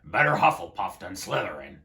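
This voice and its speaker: A man voicing a gruff, protective giant man in a read-aloud of a children's storybook, emphatic and plain-spoken. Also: low voice, very animated, a little fast, pushed and bright, exaggerated voice. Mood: dark, emphatic.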